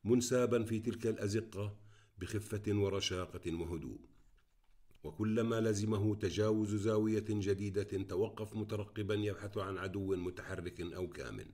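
A man reading an audiobook in measured, even scripted narration. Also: fairly low pitch.

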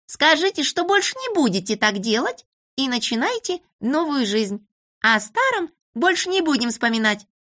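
Sinyeglazka, a gentle coaxing little girl, put on by the reader. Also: high-pitched, big pitch swings, normal speed, pitched above the performer's own voice, heavily acted. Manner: soft, coaxing, persuasive.

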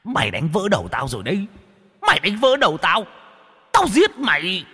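A man voicing a wailing ghost that possesses a man, vicious one moment and pitiful the next, in a high, shrieking voice. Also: huge pitch swings, moderate pace, bright, forceful tone, husky, big-room sound, full character voice. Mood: shrieking rage.

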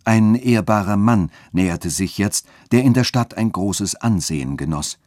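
A male narrator reads a literary story for radio in a steady, formal manner. His voice sits low and the recording is dry and close. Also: a little slow, no room sound.

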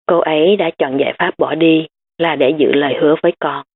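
A woman reading a gentle grieving father. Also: low voice, fairly even intonation, brisk, breathy edge. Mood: soothing. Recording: tinny phone-like sound.

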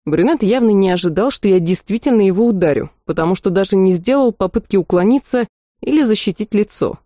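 A woman reads a first-person fantasy novel aloud with lively expression. Her voice is warm and mellow, with middle pitch. The recording is close and dry, with no room sound. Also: a little fast, no echo. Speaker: audiobook narrator. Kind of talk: scripted first-person narration.

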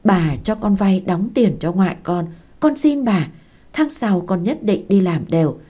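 A woman voicing a poor young woman pleading for a loan in a halting, choked-up way. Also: medium pitch, lively intonation, warm tone, slightly rough. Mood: begging.

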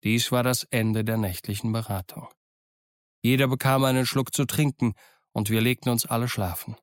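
A man reading a classic adventure novel aloud as a steady first-person narrator. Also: mid-range voice, moderate pace, no echo, clean studio sound. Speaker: audiobook narrator. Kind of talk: scripted narration.

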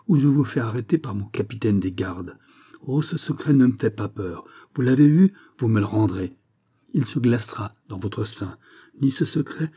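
A man reading the part of a proud, wounded queen, speaking in a hushed and menacing way. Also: fairly low pitch, breathy edge.

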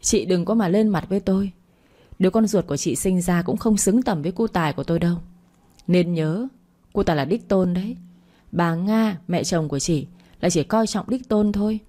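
A woman reading as a spiteful young mistress in an audio story, sneering and needling in a low, mellow voice. She talks down with cold contempt, every line a jab. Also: normal speed, natural voice. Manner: taunting, sneering.

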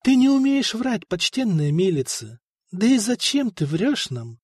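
A smooth, icy eunuch envoy who talks down with quiet scorn, as a man puts him on in a storybook reading. The voice sits a little high and sounds close and dry. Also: very animated, measured pace, no echo, full character voice. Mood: coaxing.

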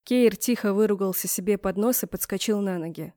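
Woman reading a novel out loud, middle pitch, super dry close mic. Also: brisk, no room sound. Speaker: audiobook narrator. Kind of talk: first-person audiobook narration.

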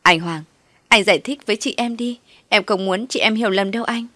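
A woman's voice: medium pitch, fairly quick, pushed and bright, no echo. Woman reading as a sly younger sister, whiny and pleading, dry.

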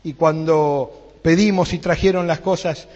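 Argentine preacher in an echoing hall. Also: male voice, on the high side, steady tone, measured pace, darkish tone. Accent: Argentine Rioplatense Spanish. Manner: storytelling, acts out dialogue, rising fervor. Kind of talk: sermon with retold story. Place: church hall. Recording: dull sound with long hall reverb.

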